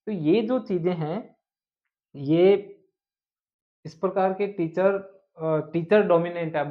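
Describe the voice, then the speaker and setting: A male teacher giving an explanatory exam-prep lecture, often asking rhetorical questions. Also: fairly high pitch. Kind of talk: exam-prep lecture mixing Hindi and English. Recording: tinny phone-like sound.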